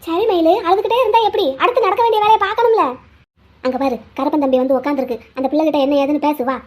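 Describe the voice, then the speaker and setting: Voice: sits high, fairly even intonation, quick pace, pitched below the performer's own voice, lightly acted. A voice actor playing a stern older neighbour woman in a cartoon, who lectures and scolds. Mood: urging. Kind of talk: cartoon voice acting.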